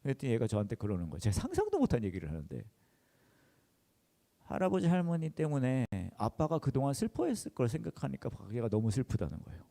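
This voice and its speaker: A man's voice: medium pitch, huge pitch swings, fast talker, vocal fry, mellow. A pastor in his forties giving a sermon, telling a personal story in an earnest, emotional way at a church service.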